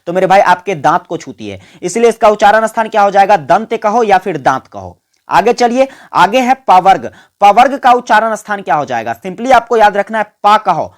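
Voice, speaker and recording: A man teaching an exam-prep grammar lesson. He keeps asking the listeners questions, answers them himself, and has them repeat sounds along with him. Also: high-pitched. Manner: quizzes listeners and answers his own questions.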